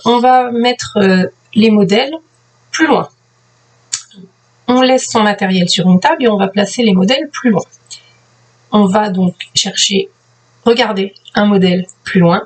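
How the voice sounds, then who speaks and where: A woman teacher with a French accent, calmly explaining class activities step by step for young pupils at home, pausing often to find her words. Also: medium pitch, rough recording. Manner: patient, explains step by step with frequent hesitations. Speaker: preschool teacher. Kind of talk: instructions for remote class activities.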